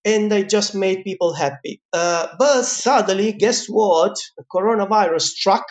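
A man with a light Italian accent tells his story as an interview guest, talking in a relaxed, chatty way. His speech is full of small fillers and restarts, and he laughs often between his thoughts. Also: high voice, unhurried. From Italy. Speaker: guest, pizza teacher.

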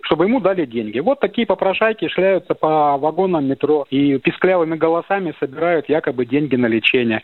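High-pitched male lawyer on a phone-like line. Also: dry recording. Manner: didactic, defines terms with examples. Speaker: lawyer giving expert comment. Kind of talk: explanatory expert comment. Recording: thin phone-like band.

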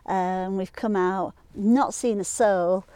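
Mellow-voiced Yorkshire woman outdoors. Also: medium pitch, steady tone, clean tone, dry recording. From Sheffield, England. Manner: descriptive, unhurried, points out the landscape. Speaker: guest. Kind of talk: casual outdoor conversation. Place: open hillside outdoors.

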